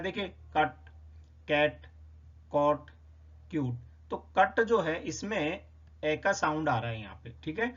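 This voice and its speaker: An English teacher goes through a phonetics quiz answer by answer, slowly repeating each sound. His voice is fairly high and a bit bright, and the recording is slightly dull and lo-fi.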